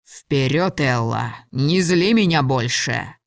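A woman's voice: extremely low pitch, animated, slow pace, vocal fry, dry recording, studio quality, pitched below the performer's own voice, exaggerated voice. A woman voicing a cold, stern male dragon lord who gives icy, clipped commands. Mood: cold, angry.

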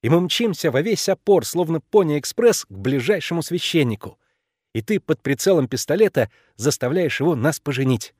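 A man's voice: on the high side, animated, darkish tone, dry recording, clean studio sound, pitched above the performer's own voice. Man voicing a bossy precocious little girl. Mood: insistent. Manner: insistent, quick, conspiratorial questioning. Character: precocious eight-year-old girl, bossy and teasing.

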